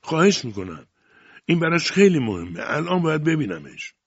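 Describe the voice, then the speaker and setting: A man's voice: medium pitch, slightly rough, dry recording, lo-fi sound, pitched above the performer's own voice, natural voice. A man reading an audiobook, voicing a distraught woman who pleads anxiously in a raised voice. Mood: pleading. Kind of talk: audiobook character voice.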